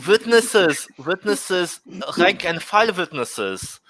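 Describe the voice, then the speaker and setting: A man doing a slow, pompous mock-German church official, bright and dry. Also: sits high, sing-song, no echo, heavily acted, rough recording. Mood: mock-solemn. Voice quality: halting, deliberate delivery with many pauses. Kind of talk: video call chat. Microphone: video call.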